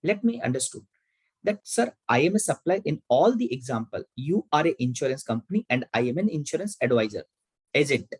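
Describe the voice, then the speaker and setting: A man's voice: a little high, big pitch swings, brisk, slightly rough, no room sound, rough recording. A man with an Indian English accent giving an online tax lecture, asking and answering his own questions and repeating key points. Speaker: tax educator.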